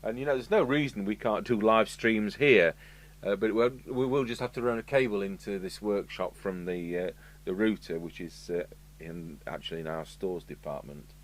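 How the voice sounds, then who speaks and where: In an indoor electronics workshop with clear background noise and an electrical hum, a British man with a lowish voice speaks at normal speed. He's a radio repair technician giving a review, offering casual, matter-of-fact commentary and musing aloud as he works.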